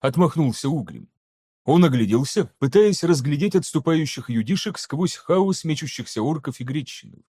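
A man reads an audiobook in steady, scripted narration. His voice is mellow and dark, and it sits a little higher than most men's. His pacing stays even through the action. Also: moderate pace, husky. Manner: steady, even storytelling that voices each character.

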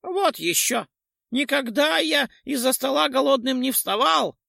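A man voicing a boastful, half-rotten male ghoul in an audiobook, shrill and gleeful. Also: expressive, measured pace, creaky, bright, forceful tone, no room sound, studio quality, full character voice. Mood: gloating. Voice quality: squeaky and shrill. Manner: gleeful, bragging, whining. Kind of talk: audiobook character voice.

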